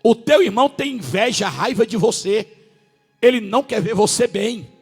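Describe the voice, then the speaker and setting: A male pastor preaching a sermon, with a northern Brazilian accent, a raspy voice, and sudden shouted peaks between drawn-out words. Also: high-pitched, animated, long reverb tail, faint music behind. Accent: Brazilian Portuguese, northern.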